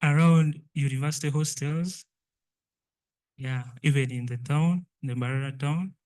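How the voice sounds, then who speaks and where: Young Ugandan man, evenly pitched, hesitant. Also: fairly even intonation, a little slow, a little mellow. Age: young adult. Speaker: student innovator. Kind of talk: answering questions at a pitch.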